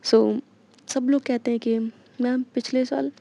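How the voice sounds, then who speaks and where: A woman's voice: high-pitched, steady tone, unhurried, creaky, mellow. A young woman casually retelling an audio story, chatty and full of fillers, in a dull lo-fi recording.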